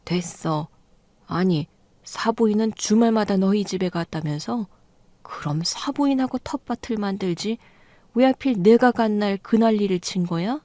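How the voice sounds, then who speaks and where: A huffy, offended mother nags and complains, voiced by a woman storyteller. The sound is dry and close, the voice sits at an ordinary middle pitch. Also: normal speed, dark tone, no room sound, natural voice. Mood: scolding. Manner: scolding, huffy. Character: grumbling middle-aged mother, offended and sharp-tongued. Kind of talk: storytelling radio reading.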